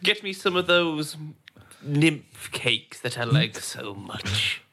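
A man's voice: a little high, big pitch swings, takes it slowly, bright, forceful tone, exaggerated voice. A man voicing a pampered wizard who fussily orders his breakfast. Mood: fussy. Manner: fussy, posh.

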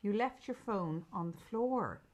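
A woman's voice: mid-range voice, expressive, measured pace, a little mellow. A middle-aged Irish woman co-hosting a podcast with her daughter, retelling a story emphatically in casual chat and quoting what was said. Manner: emphatic, retells with quoted dialogue. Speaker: podcast co-host, mother.

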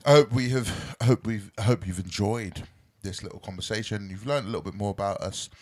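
A man co-hosting a podcast in casual chat, playful and quick to laugh, swearing casually. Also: fairly low pitch, a little mellow, dry recording. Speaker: podcast co-host.

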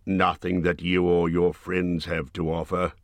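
A man voicing a proud, wrathful male dwarf king, speaking slowly and forcefully. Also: deep voice, completely flat delivery, no echo. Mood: haughty. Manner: slow, stern, forceful delivery.

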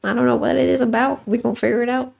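A woman's voice: fairly high pitch, fairly even intonation, rapid-fire, gravelly, a little mellow. A woman co-hosting a podcast in casual chat, chatty and swearing casually. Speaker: podcast co-host.

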